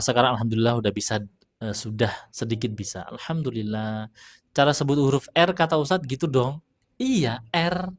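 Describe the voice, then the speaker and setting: Guy teaching recitation on a livestream, chatty and easygoing, drawing out letter sounds to show them. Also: mid-range voice. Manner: demonstrates letter sounds slowly, relaxed and chatty. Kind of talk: live-stream lesson, reading viewer questions.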